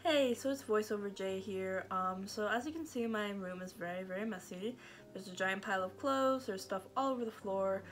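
A young woman narrating her vlog in an informal, low-key voice-over. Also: normal speed, soft background music. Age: young adult. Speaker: vlogger.

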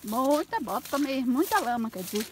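A woman with a bright, high voice films herself outdoors on a farm with her phone. She talks casually to her viewers and chirps at the animals. A faint hiss of outdoor noise sits under her voice. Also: big pitch swings, normal speed. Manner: chatty, calls out to animals in a high sing-song voice. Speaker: vlogger. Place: outdoors on a farm, pigsty and yard. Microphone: phone camera held by the speaker.

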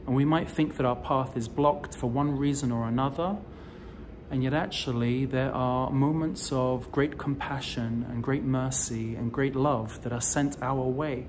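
Slow, deliberate man giving a sermon. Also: medium pitch, fairly even intonation, background noise. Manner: slow, deliberate storytelling delivery with emphatic rises. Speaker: rabbi. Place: indoors in front of a decorative wall. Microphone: phone or camera close to the face, selfie framing.

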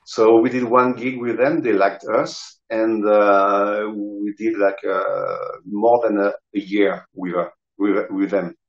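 Low French-accented man in a roomy recording. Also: level tone, slow, hardly any pauses. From south of France. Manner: hesitant, searching for words. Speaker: interview guest, rock guitarist and singer. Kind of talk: casual anecdotes. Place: indoor room, video call. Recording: roomy, dull video-call sound.

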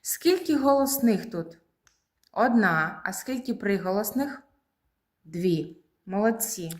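A woman teaches a group of preschool children, sounding each word out with care. She talks at an unhurried pace, pausing so the little ones can follow. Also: medium pitch, animated. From Ukraine. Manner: slow, deliberate, drawing out words for children. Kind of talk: slow, clear preschool lesson.

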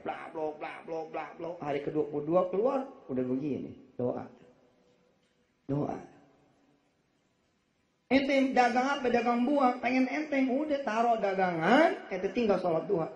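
A man's voice: high-pitched, moderate pace, darkish tone. A man preaching a humorous sermon, joking and playfully acting out the people he quotes. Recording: echoey, dull lo-fi hall recording.

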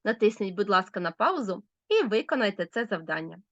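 A woman teacher giving a recorded school lesson to children, explaining rules clearly and with emphasis. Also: medium pitch, sing-song, a little fast, no room sound, highs cut off.

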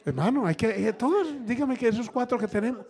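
A man's voice: very high voice, fairly quick, gravelly, slightly rough. A pastor preaching a sermon to his congregation, telling stories, acting out the people in them and joking. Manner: lively, acts out quoted voices, jokes with congregation. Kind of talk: sermon with storytelling. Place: church.

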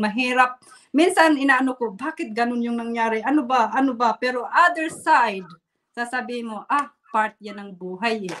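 A Filipina woman from the Philippines, a guest telling a painful personal story in a halting way, holding back tears and laughing nervously. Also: fairly high pitch, a bit bright. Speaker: interview guest. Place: Germany.

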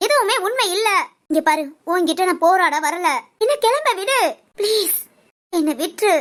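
A woman brings to life a hurt, unmarried older woman in a storybook drama, her voice pitched very high. She talks sharply and defensively, pushing away anyone who comes close. Underneath the sharpness there is a proud, wounded pride. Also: expressive, moderate pace, fairly bright tone. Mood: tearful pleading. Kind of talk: audio story role-play.

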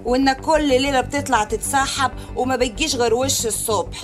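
A woman's voice: sits high, steady tone, fast, soft background music, lightly acted. An actress playing a jealous woman with an Egyptian Arabic accent, threatening her lover over the phone. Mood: needling. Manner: needling, threatening. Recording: film score underneath.

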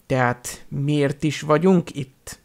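Man doing a cold sneering potions teacher, hushed, slow, menacing, gravelly, audiobook. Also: fairly high pitch. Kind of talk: audiobook character reading.

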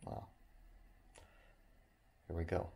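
A middle-aged man talking casually to a phone camera at arm's length in a dim room, reflective and halting, with many fillers and restarts. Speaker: vlogger. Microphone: handheld phone at arm's length.

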